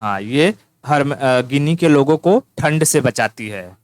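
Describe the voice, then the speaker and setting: A man's voice: medium pitch, animated, slow, dry recording. A man teaching an informal exam-prep lesson, teasing the listener and repeating key words as he writes them down. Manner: teasing, repetitive, addresses listener as "tu".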